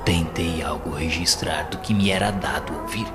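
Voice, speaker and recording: Clear music and a long hall reverb surround a solemn spirit narrator voiced by a man with a lowish voice and Brazilian accent. Measured and literary in audio-drama style, he is compassionate and grave, with a steady tone and natural voice and a grave, descriptive mood.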